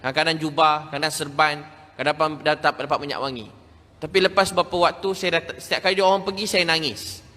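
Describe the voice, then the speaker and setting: A man's voice: on the high side, fairly even intonation, quick pace, pushed and bright. A man with a Malaysian Malay accent preaching a storytelling sermon, emphatic and repeating phrases for stress. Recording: long hall reverb.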